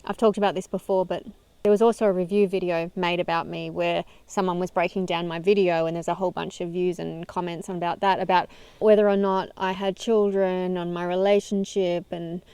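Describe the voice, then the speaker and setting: Speaking straight to camera, a woman delivers a motivational self-help talk that is earnest, encouraging and conversational, often breaking into soft laughs. She has a lowish, smooth voice with little pitch movement and talks a little fast, in a dry recording.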